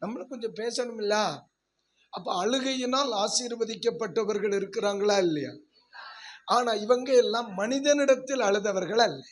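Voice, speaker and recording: A male pastor preaching a sermon in a church service, asking the congregation questions and leading loud prayer. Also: high-pitched, normal speed. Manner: leads loud prayer and shouts of hallelujah.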